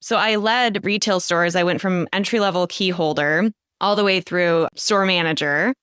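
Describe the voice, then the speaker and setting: An American leadership coach in her thirties tells her career story as a guest on a chatty podcast interview, laughing now and then and saying "so" a lot. Her fairly low voice is bright, clear and resonant at a normal speed, in a dry, clean studio recording.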